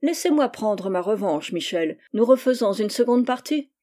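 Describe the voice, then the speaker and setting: Female reader as a courteous German-accented inspector, suave and formal, mellow voice. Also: mid-range voice, normal speed, lightly acted. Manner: courteous, flattering. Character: German Gestapo inspector, man, polite, smooth-talking.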